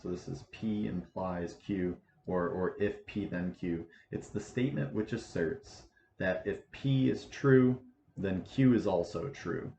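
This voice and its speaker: A man in his twenties giving a casual math lesson, with a halting delivery full of restarts and fillers. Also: deep voice, gravelly, warm tone. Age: 20s. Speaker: math teacher. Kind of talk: casual lecture. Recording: echoey room, dull lo-fi sound, faint hiss.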